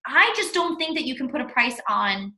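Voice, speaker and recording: A woman's voice: high voice, animated, moderate pace, pushed and bright. A woman giving a casual coaching talk as a fitness coach training her team, blunt and emphatic, repeating words for stress. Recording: echoey room.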